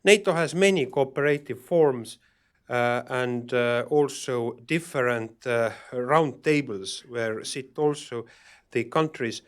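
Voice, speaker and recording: Guy on a panel answering questions, lots of uh and restarts, medium voice. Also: mid-range voice. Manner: halting, many fillers and restarts. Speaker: panel speaker on security policy. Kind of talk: answering audience questions at a public event.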